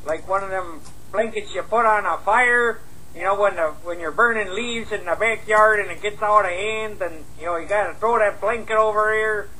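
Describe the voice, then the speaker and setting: A sentimental, goofy cartoon coach leaving a rambling voicemail. His voice is high and sharp for a man, with folksy, halting, repetitive phrasing. Clear noise runs through the answering machine recording. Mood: sheepish, rambling. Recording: noisy answering machine message.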